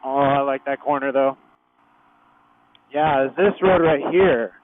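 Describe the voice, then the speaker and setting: Speaking at a measured pace in a medium-pitched voice, a man makes easygoing small talk while riding, his words carried by a helmet intercom. The audio has no room sound and comes across dry and tinny.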